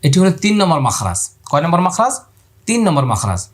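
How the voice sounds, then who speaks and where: Male teacher, slightly high voice, patient drilling of letter sounds for learners. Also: sing-song, fairly quick. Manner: demonstrates sounds, repeats letters, asks viewers to watch his mouth. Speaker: Quran recitation teacher. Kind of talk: spoken lesson on letter pronunciation.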